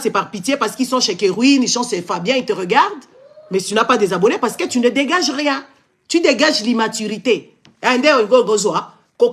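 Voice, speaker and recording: The voice is very high-pitched and a bit bright, belonging to a man from the Democratic Republic of the Congo. During a heated live stream he scolds angrily in Congolese-accented French, repeats scolding exclamations, and slips into Lingala in the middle of sentences.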